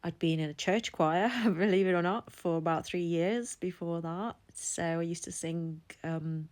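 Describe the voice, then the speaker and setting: A Latvian woman in her forties vlogs to camera, sharing casual personal commentary in a chatty, candid way and laughing between thoughts. Her voice is on the low side, with a measured pace and a darkish tone.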